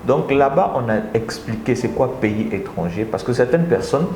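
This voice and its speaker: A man from the Republic of the Congo hosting a casual live stream from his office, energetic and talking straight to his viewers, often repeating his phrases. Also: medium pitch, normal speed, echoey room, a little hiss or hum. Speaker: live stream host and speaker.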